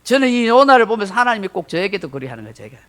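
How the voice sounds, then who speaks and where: A man's voice: sits high, big pitch swings, rapid-fire. A middle-aged male pastor preaching a Sunday sermon, telling the story dramatically and acting out quotes.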